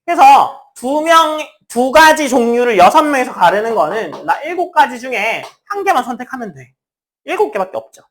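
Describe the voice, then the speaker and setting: A woman teaching a math class, explaining with everyday examples and casually acting out what students say. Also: fairly high pitch. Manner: lively, talks to students in casual speech, acts out student lines. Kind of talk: classroom lecture.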